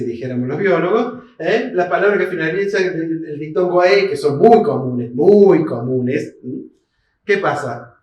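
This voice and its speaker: A man with an Argentine accent giving a seminar lecture. He explains terms slowly, spells them out syllable by syllable and checks in with listeners through short tags. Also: fairly high pitch. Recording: very echoey hall, mic far off.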